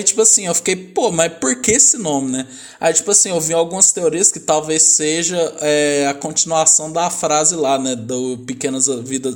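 Brief: slightly high-voiced male co-host, loose rambling fan talk, slangy and excitable. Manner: rambling, enthusiastic, full of slang fillers. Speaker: podcast co-host reviewing an album. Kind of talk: casual chat.

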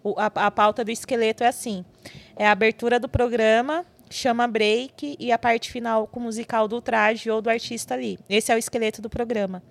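A Brazilian woman talking casually as a podcast guest. Her voice sits a little high, and she speaks in quick, lively bursts with frequent laughter. The talk is relaxed and chatty. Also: gravelly. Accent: Brazilian Portuguese. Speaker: podcast guest, TV stage assistant. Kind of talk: casual chat.

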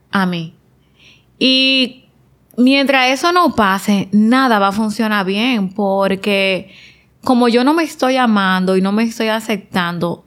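Earnest woman guest reflecting on a podcast. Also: fairly high pitch. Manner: earnest, reflective, speaks in repeated emphatic phrases. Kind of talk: conversational podcast interview.

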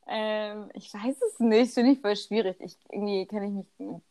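A woman's voice: mid-range voice, normal speed, warm tone. A young woman in her twenties chatting casually as a podcast co-host, laughing often and dropping English slang. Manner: giggly, lots of laughter. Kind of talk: casual chat.

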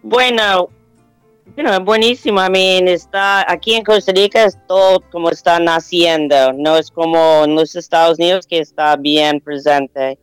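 Calm middle-aged American woman speaking Spanish. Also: lowish voice, clean tone, no echo, soft background music, rough recording. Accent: American English. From United States. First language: English. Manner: calm, unhurried, mixes in English words. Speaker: guest astrologer and yoga teacher. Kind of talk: remote interview over a call.

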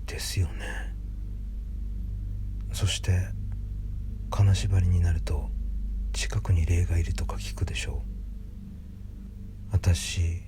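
A man reads a creepy ghost story in a hushed, breathy whisper, speaking conversationally as the narrator. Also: sits low, fairly even intonation, slow, long pauses. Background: background music.

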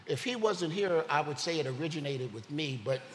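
A man's voice: fairly high pitch, lively intonation, brisk. A man giving a sermon as a guest speaker, telling personal stories in an earnest way. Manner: earnest, personal storytelling preacher. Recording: long hall reverb with faint ambient noise.

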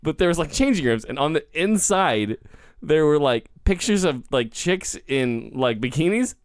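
Animated, rambling male podcast host. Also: a little high, normal speed, clean tone, dry recording, studio quality. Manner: rambling storyteller, lots of likes, animated. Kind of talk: casual chat.

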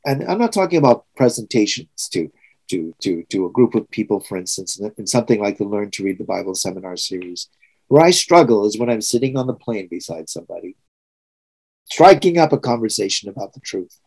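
A man's voice: medium pitch, darkish tone, poor audio. A sixty-year-old man from Trinidad and Tobago, preaching a sermon in an earnest, reflective way with emphatic swells. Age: 60s.

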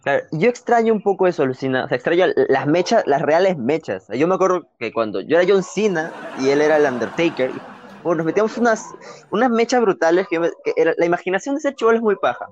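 A young man with a Peruvian accent, telling childhood stories in an animated, slangy way with frequent laughs, as a podcast co-host. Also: on the high side, fast talker, no echo. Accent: Peruvian Spanish. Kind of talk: casual storytelling chat. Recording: dull, dry lo-fi recording.

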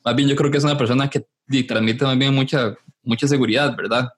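A man's voice: medium pitch, steady tone, fast. A man, hosting an interview and reflecting thoughtfully, often restarting his phrases. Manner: thoughtful, restarts phrases while searching for words. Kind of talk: casual conversation.

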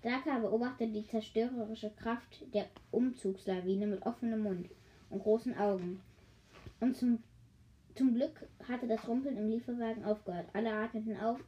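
A woman with a rather high, mellow voice reads a children's story aloud. She keeps breaking off to chat and joke with her listeners and trips over words before correcting herself. She lifts her voice for the characters' short cries. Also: steady tone, moderate pace, rough recording. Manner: chatty, stops to comment and joke with listeners. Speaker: reader of a children's book. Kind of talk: reading a story aloud with casual asides.

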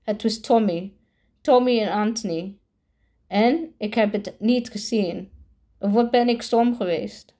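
A woman's voice: mid-range voice, slow, warm tone. A woman reading the part of a female schoolteacher who speaks to a boy in a reproachful tone. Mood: remorseful. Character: guilt-struck female schoolteacher.

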